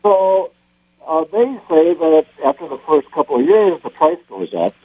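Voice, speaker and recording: A male caller on a muffled, tinny phone line that sounds like he is talking from inside a tin can. He speaks in halting bursts and restarts his sentences. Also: a little high, expressive, husky, no echo. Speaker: radio call-in caller. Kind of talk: casual call-in chat.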